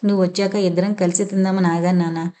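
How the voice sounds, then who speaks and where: Gentle young student daughter in an audio novel, quick and soft, read by a woman. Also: fairly low pitch, little pitch movement, close to an everyday voice.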